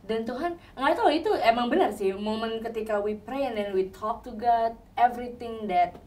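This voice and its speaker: A woman's voice: on the high side, normal speed, a little mellow. Distant-sounding woman host. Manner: frequent short "hmm" affirmations, mixes English into Indonesian. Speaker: interview host. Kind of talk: casual interview chat. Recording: distant mic with faint noise.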